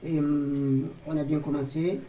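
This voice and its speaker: A man organizing a literary festival, speaking in a slow, halting way. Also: a little high, level tone, dark tone, slight background noise. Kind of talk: interview answers. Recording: roomy, distant from mic.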